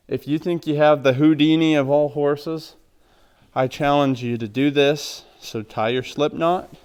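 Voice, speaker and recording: A man showing how to tie knots for working with horses. He talks slowly and in a practical, step-by-step way. His voice is smooth and clear, pitched at a middle height. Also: darkish tone. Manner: plain, practical, step-by-step explaining. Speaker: horse trainer. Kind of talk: instructional demonstration.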